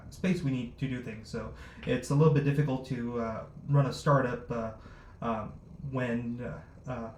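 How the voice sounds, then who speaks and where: A man's voice: mid-range voice, a little mellow. A man who was born in Luxembourg and raised abroad, a startup founder answering interview questions with many fillers and restarts. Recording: roomy echo, faint noise.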